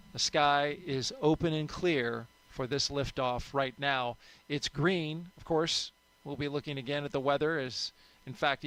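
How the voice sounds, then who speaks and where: Higher-voiced man, chatty live commentator. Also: a bit bright, rough recording. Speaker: launch broadcast commentator.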